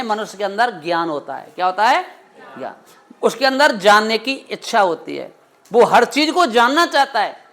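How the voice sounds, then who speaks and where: A man's voice: very high voice, fairly bright tone. Stern classroom teacher, male, scolds and quizzes students as he explains. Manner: stern, scolding, full of quick quiz questions to students. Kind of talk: classroom grammar lesson.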